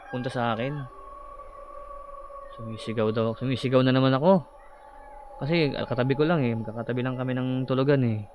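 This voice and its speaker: A man casually telling a personal horror story about sleep paralysis, halting and acting out his own shouts. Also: mid-range voice. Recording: slightly dull audio with clear background noise.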